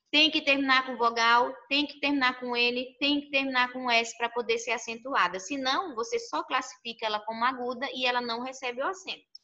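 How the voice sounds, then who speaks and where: A woman's voice: high voice, pushed and bright. A woman teaching a recorded online lesson, explaining step by step and checking in with her students often. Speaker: Spanish teacher. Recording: muffled lo-fi audio.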